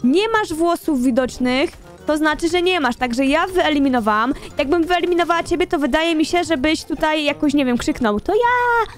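A woman's voice: sits high, moderate pace, faint music behind. A young woman giving casual gameplay commentary, chatty and thinking aloud as she plays. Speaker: gaming YouTuber.

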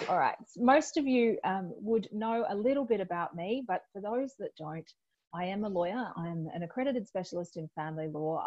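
A woman, a family lawyer, hosting a live webinar in a chatty, friendly way, her voice a little croaky. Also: lowish voice, darkish tone, no room sound, highs cut off. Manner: chatty, friendly, greets attendees by name.

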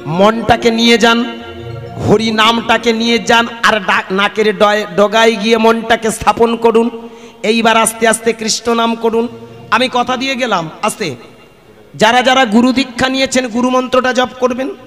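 Standing on a stage before gathered devotees, a man delivers an impassioned devotional kirtan sermon, calling them father and mother and breaking into sung chanting. His voice is very high and fairly bright, level in tone at a moderate pace. Long hall reverb lies over the live PA and instruments, with faint music behind.

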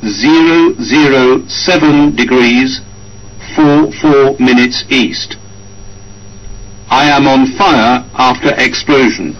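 A man sending a formal distress call over a marine radio, in slow, deliberate, spelled-out radio phrasing. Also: mid-range voice. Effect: marine radio transmission. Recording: muffled marine radio band.

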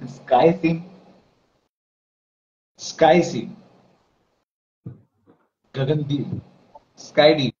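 A man's voice: a little high, very slow, pauses often, darkish tone. Indian-accented man streaming, dull noisy sound. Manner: rambling, switches between English and Hindi. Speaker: live stream host. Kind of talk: casual live stream chat. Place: indoors, plain-walled room. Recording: dull lo-fi stream with clear noise.

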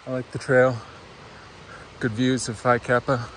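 Man, mid-pitched voice, relaxed hiking narration, outdoors, handheld camera, faint background noise. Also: unhurried. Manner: relaxed, talks to his dog between remarks. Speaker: hiker filming his own vlog. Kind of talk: casual narration while hiking. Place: mountain trail outdoors.

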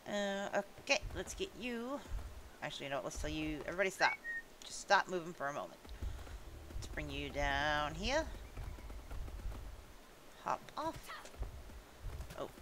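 A woman's voice: deep voice, very animated, a little slow, long pauses, noisy background. A woman casually commenting as she plays a game, chatting, and scolding and coaxing her in-game animals. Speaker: gameplay streamer. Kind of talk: casual let's-play commentary.

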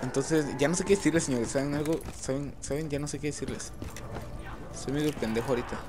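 Crude young Mexican gamer over loud noise. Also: male voice, on the high side, quick pace. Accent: Mexican Spanish. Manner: crude, swearing, rambling storytelling. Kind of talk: casual gameplay commentary.

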